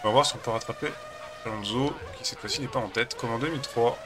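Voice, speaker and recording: A gaming channel host, sick with a cold, talks fast in a mid-range voice as he plays a racing game. His chat is casual, rambling and hesitant, and there is noise in the background.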